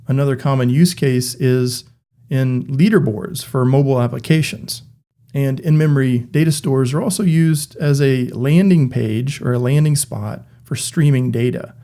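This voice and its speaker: A man recording an online tech course lesson, explaining clearly and evenly with a touch of dry humor. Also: medium pitch, dark tone. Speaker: course instructor.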